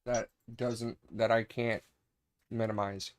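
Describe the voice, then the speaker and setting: A man's voice: lowish voice, flat delivery, slow pace. A man playing in a tabletop game over voice chat, his faulty mic crackling and cutting out as he hesitantly clarifies the rules. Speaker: player.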